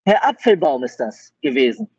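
A man who takes over a phone call as the boss, soothing and placating the caller while repeating her name again and again. His voice is husky and fairly high, and the recording is dry and dull. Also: very animated, normal speed, darkish tone, dry recording.

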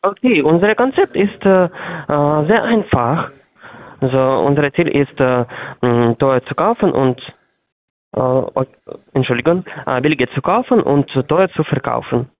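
Tinny phone line, man, foreign accent in German, very slow halting delivery, sales call, dry sound. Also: fairly high pitch, animated, no echo. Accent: foreign, non-native German. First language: not German. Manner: halting, searching for words. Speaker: phone sales agent for trading platform.

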